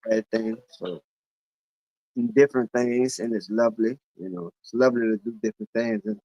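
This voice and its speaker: A forty-year-old man with a Louisiana accent tells stories at an easy, drawling pace. His voice sits at an ordinary pitch and sounds dry and close, with almost no room around it. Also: very animated, a little fast, vocal fry, dark tone, dry recording, low-quality recording. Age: 40s. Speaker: guest. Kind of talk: casual chat.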